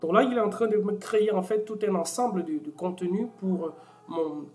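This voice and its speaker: A man walking viewers through a software tool in a casual screen-recorded tutorial, with many fillers and restarts. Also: sits high, fairly quick. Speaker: software demo presenter.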